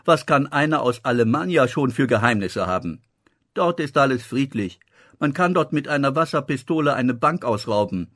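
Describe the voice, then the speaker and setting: A man's voice: mid-range voice, expressive, moderate pace, fairly bright tone, no room sound, studio quality. A man voicing a nosy, paunchy male innkeeper who teases and pries in an audiobook. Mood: grumbling. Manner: teasing, mock-indignant.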